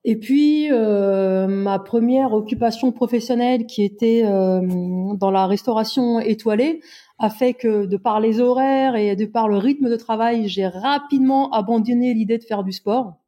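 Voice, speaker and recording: A woman in her forties from Brittany, speaking as a podcast guest in a hesitant, self-mocking way with many pauses. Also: on the high side, dark tone. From Brittany, France. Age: 40s. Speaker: guest, amateur endurance runner. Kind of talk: podcast interview.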